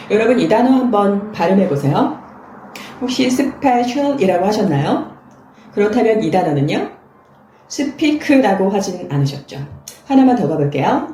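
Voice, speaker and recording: A woman's voice: mid-range voice, warm tone. Woman teaching pronunciation in an echoey room. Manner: friendly explaining, addresses viewers directly. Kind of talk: scripted lesson to camera. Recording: echoey room with faint background noise.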